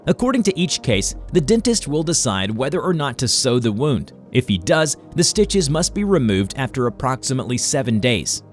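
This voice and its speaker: A man narrates an educational medical explainer. His delivery is formal and instructional, with a mid-range voice and animated intonation. Faint music plays behind him. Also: medium pitch, normal speed, few pauses.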